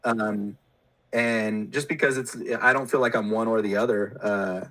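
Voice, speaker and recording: A man's voice: lowish voice, steady tone, measured pace, pushed and bright, poor audio. A man hosting a podcast, talking casually with loose slang and lots of fillers. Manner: laid-back, slangy, many fillers. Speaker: podcast host. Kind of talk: casual chat.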